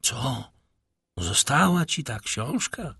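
A man voicing a grave, noble, wealthy count, once a prisoner, speaking in a solemn, measured way with a husky voice. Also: medium pitch, big pitch swings, bright, forceful tone, dry recording, studio quality, voice pushed up, exaggerated voice. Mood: urgent.

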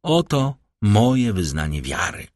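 A man's voice: on the low side, sing-song, takes it slowly, darkish tone, dry recording, clean studio sound. A man voicing a proud, scornful young woman who defies her father, in an audiobook reading. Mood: haughty defiance. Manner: cold, haughty, defiant.

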